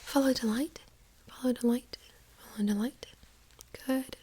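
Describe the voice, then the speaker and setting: A woman doing a whispered role-play as a doctor in a soft-spoken ASMR exam, gently giving step-by-step instructions in a breathy whisper. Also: fairly high pitch, steady tone, a little slow, slight background noise.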